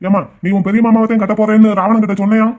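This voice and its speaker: Cartoon: a man playing a meek tea seller, quick and high-voiced, dull lo-fi sound. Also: flat delivery, darkish tone, close to an everyday voice. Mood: worried. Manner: pleading, fretful. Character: meek adult male tea shop owner. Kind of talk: cartoon voice acting.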